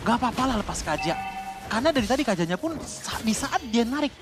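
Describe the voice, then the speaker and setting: A man's voice: very high-pitched, big pitch swings, quick pace, over music. A man giving live mobile game commentary and analysis in a conversational, explanatory way. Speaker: esports match co-commentator. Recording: clear background noise.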